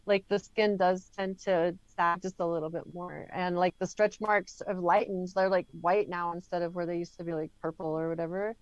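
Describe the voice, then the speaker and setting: A chatty woman with a lowish voice talks frankly, with lots of fillers. Her audio is dry and a little dull, like a lo-fi call line. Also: steady tone, normal speed, few pauses, no room sound. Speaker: guest. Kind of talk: casual chat.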